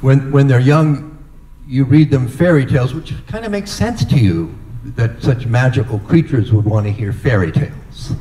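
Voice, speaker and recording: A middle-aged man giving a humorous father of the bride speech, telling stories slowly with deliberate dramatic pauses. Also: medium pitch, sing-song, dark tone, roomy sound, poor audio.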